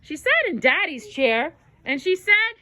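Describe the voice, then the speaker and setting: A woman tells a children's storybook tale with dramatic exclamations and gasps. Her voice is high and swoops widely, and she takes her time. The tone is bright and clear. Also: big pitch swings, a little slow. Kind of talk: animated storybook narration for children.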